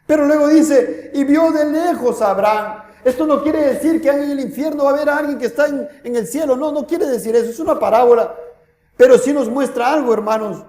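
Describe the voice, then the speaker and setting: A man preaching a sermon with fervent rhetorical questions, his voice swinging between loud and hushed. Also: very high voice, brisk, roomy sound. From Peru. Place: church.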